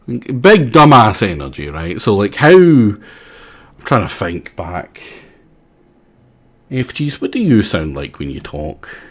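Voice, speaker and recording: A man's voice: fairly low pitch, sing-song, slow, long pauses. A Scottish man talking over a game on a live stream, rambling and making fun of himself, close on the mic. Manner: rambling, self-mocking jokes. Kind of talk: live gameplay commentary.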